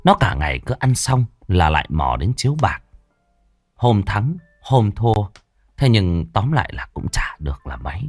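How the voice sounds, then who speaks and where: A man's voice: lowish voice, very animated, moderate pace, no echo, soft background music. A man narrating a ghost story in a dramatic, mournful storyteller's manner.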